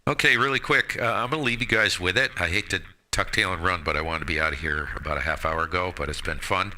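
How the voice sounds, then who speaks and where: A 59-year-old man, about to turn sixty, chats casually with friends on amateur radio, joking, slangy and self-deprecating. His low voice comes out quick, pushed and bright, on poor audio with a little hiss or hum.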